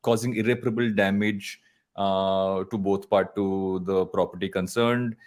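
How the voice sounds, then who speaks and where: A man's voice: low voice, steady tone, measured pace, darkish tone. A man with a South Indian accent co-hosting a podcast, chatting casually about business news in a joking, hesitant way with repeated restarts. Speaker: podcast co-host.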